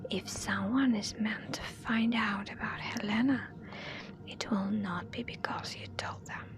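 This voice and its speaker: Slow, whispering woman reading a scary story. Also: medium pitch. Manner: soft, hushed, deliberate delivery. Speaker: ASMR storyteller.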